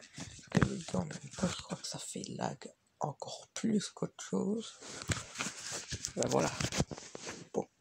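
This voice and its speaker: A young man commenting on his game in a sick, cracking voice with plenty of gravelly fry. His pitch moves around in a lively way as he mutters along casually. There is clear noise and clicking in the recording. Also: slow, pauses often. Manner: frustrated swearing, muttering to himself. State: hoarse, cracking voice from being sick. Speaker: gaming video host.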